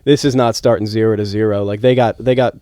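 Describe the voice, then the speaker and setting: A young man with a low, mellow voice talks college baseball on a podcast, rambling and restarting his sentences as he gets worked up. The sound is dry and close. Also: fairly even intonation, fast, no echo. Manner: rambling, many restarts, heated. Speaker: podcast co-host, former college baseball player. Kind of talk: casual sports talk.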